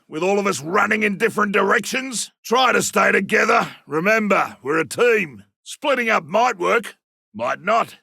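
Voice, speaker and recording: Griffin, gravelly old veteran monster hunter. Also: male voice, high-pitched, bright, forceful tone, no room sound, studio quality, full character voice. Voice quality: gruff, gravelly. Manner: colloquial, wry, theatrical. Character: ageing veteran monster hunter, gruff, cocky and stubborn. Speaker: playable game character. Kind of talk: video game combat voice lines.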